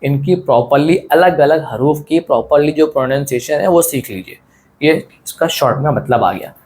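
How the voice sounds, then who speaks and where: A man teaching an online lesson in a relaxed, friendly way, asking questions and answering them himself and often repeating his points. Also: fairly high pitch, moderate pace. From South Asia. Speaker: Quran teacher.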